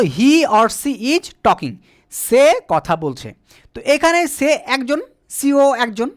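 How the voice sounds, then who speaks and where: A male teacher explaining grammar in a patient, repetitive way, asking questions and answering them himself, sometimes spelling words out slowly letter by letter. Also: extremely high pitch, fairly bright tone. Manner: asks and answers his own questions. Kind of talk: spoken English grammar lesson.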